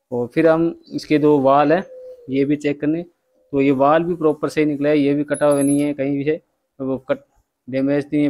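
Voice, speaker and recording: A man's voice: medium pitch, warm tone. A man, working as a bike mechanic, giving a step-by-step workshop repair tutorial and addressing viewers as friends.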